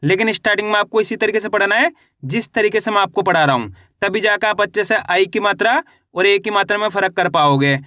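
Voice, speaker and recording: A man's voice: high-pitched, pushed and bright, dry recording, studio quality. A man teaching a Hindi reading lesson, sounding out syllables one by one and then saying the whole word, coaxing viewers to try. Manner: spells out syllables slowly, then says each word; addresses viewers as friends, coaxing them to try.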